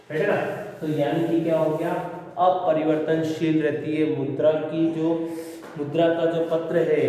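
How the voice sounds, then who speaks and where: A man's voice: on the high side, mellow, very echoey, big-room sound, poor audio. A man teaching a college commerce class, explaining with rhetorical questions and everyday examples. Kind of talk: classroom lecture.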